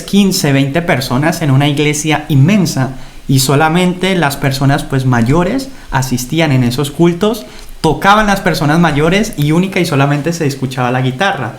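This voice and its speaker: A young man from Spain, a guest on a podcast, telling a long personal story in a thoughtful, steady way. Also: a little high. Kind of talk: casual chat. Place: Germany.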